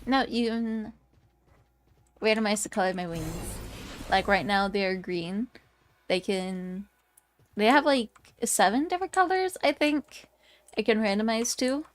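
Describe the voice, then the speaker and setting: A woman's voice: mid-range voice, animated, unhurried, pauses often, a little hiss or hum. A woman in her twenties chatting casually with her stream viewers, rambling and giggly with lots of fillers. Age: 20s. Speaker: VTuber streamer.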